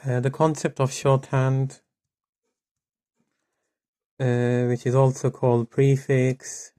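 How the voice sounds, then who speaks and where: A man teaching networking in a casual video lesson, relaxed and rambling, with many fillers and pauses. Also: mid-range voice. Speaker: networking instructor. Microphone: webcam mic, no headphones.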